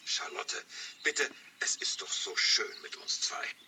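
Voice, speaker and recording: A man's voice: takes it slowly, pushed and bright, a little hiss or hum. An actor playing a vain, forgetful, womanizing poet who keeps mixing up names and brushing off complaints. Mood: evasive. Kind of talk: radio play for language learners.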